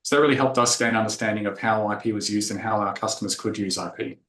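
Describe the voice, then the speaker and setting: A man's voice: fairly low pitch, fairly even intonation, quick pace, a bit bright. Australian-born man giving a tech talk. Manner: explanatory, filler-heavy delivery. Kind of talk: technical conference presentation. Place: conference room. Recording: echoey conference room.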